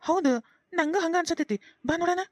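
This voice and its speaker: A woman voicing a gentle older village father with a North Karnataka accent, consoling and quoting proverbs, in a cartoon. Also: extremely high pitch, a little fast, no echo. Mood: warm. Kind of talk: cartoon voice acting.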